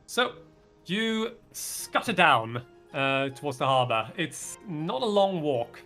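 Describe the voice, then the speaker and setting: A man's voice: fairly high pitch, big pitch swings, slow pace, pushed and bright, soft background music. A man improvising narration as game master, hesitant and often searching for words.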